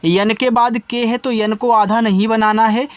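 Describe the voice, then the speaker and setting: A man giving a slow reading lesson, spelling each word letter by letter and repeating its meaning. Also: high voice, steady tone, no room sound. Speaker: English tutor.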